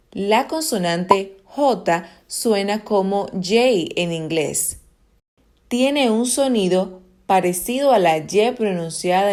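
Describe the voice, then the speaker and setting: Very slow woman teaching pronunciation. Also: mid-range voice, a little mellow. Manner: slow, measured, reading example words aloud. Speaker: language teacher. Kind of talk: scripted pronunciation lesson.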